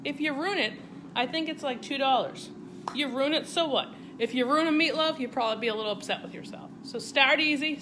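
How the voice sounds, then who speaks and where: Against a noisy background, a cooking channel host with a high-sitting voice and a Boston accent chats casually through a recipe on her home live stream. This middle-aged woman rambles and addresses viewers directly via her live-stream device mic.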